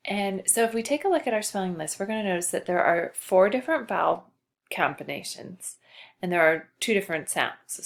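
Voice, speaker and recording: A woman teacher giving a patient spelling lesson to a child, slowly spelling out letters. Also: lowish voice, vocal fry.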